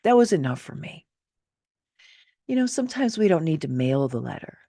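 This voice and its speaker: Reading her personal story aloud as its author, a woman sounds candid, wry, and conversational, tossing in casual asides during this expressive memoir reading. Her low, warm, creaky voice swings widely in pitch at a moderate pace. The clean studio recording has no echo.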